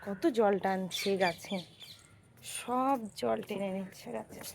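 A woman's voice: medium pitch, slow pace, gravelly, a little hiss or hum. A woman vlogging casually on a rooftop outdoors, chatting with viewers and giving her child instructions. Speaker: vlogger and mother. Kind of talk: casual daily-life vlog.

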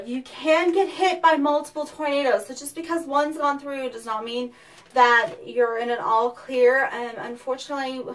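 A woman's voice: high voice, a bit bright. Woman with a hollow cave echo. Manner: practical, instructive, chatty with fillers. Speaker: safety presenter for a weather company. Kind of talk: casual how-to demonstration. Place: small underground tornado shelter. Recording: distant mic, cave echo, faint noise.

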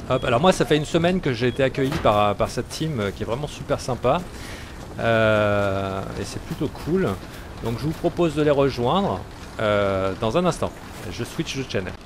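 A man's voice: medium pitch, noisy background. A man giving casual gameplay commentary as a gaming YouTuber, talking in a chatty, hesitant way full of fillers.

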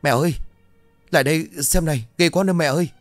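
A man voicing a scared young village son who calls out urgently and fearfully, a bit higher than his own voice. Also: a little fast, dry recording, faint music behind, lightly acted. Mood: terrified. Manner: urgent, frightened calling.

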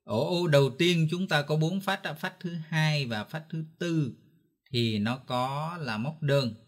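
Slow, patient male guitar teacher. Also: a little high. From Vietnam. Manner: patient, counts beats and sings note names aloud. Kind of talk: step-by-step music lesson. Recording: guitar playing in the background.

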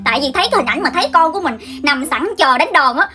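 A young woman, telling a story to her viewers in a lively way and laughing often. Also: high voice, rapid-fire, faint music behind. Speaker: vlogger.

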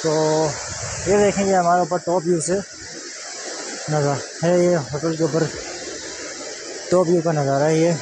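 A young Pakistani travel vlogger chats casually to his viewers beside a mountain waterfall, filming outdoors on a phone held at arm's length in a chatty, touristy style. His voice is on the high side and steady, unhurried with frequent pauses, and there is background noise.

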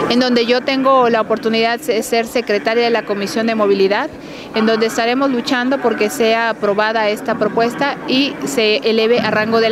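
A woman in her forties, a legislator, explaining a proposal in a press interview. She speaks earnestly and often restarts her sentences. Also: a little high. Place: legislative chamber, indoors. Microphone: handheld reporter mic and phones held close. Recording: crowd chatter behind. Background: crowd chatter in the chamber.

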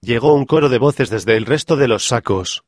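A man reading a comic parody audiobook in an even, measured scripted narration. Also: medium pitch, no echo.

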